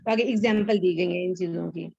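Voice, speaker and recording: Woman reading a lesson slowly over a call. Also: lowish voice, vocal fry, a little mellow, breathy edge, dull audio. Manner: slow, careful reading. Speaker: student reading aloud. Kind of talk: reading a lesson aloud in class. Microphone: video call.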